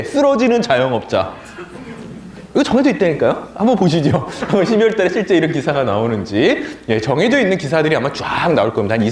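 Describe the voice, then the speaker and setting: A man giving a political education lecture, animated, sometimes mocking opposing views in a sneering voice. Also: on the high side. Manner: animated, mocks opponents' talk in a sneering voice. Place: lecture room. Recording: echoey lecture room.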